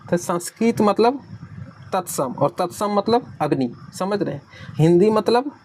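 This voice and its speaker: A man's voice: fairly high pitch, a little mellow, a little hiss or hum. A man teaching an exam-prep lesson, explaining patiently and asking and answering his own questions.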